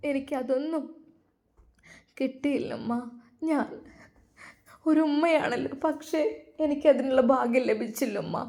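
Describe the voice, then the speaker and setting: A woman voicing a sobbing grieving young mother. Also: high voice. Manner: sobbing, pleading, soft-spoken. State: crying. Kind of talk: dramatic storytelling.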